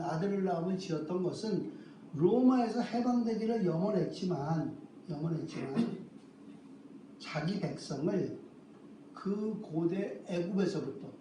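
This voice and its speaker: Guy pastor preaching, kinda high voice, asks questions then answers them, mic's far off in an echoey church. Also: dark tone, a little hiss or hum. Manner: rhetorical questions answered himself. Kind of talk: sermon. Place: church sanctuary. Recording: roomy, distant mic with faint ambience.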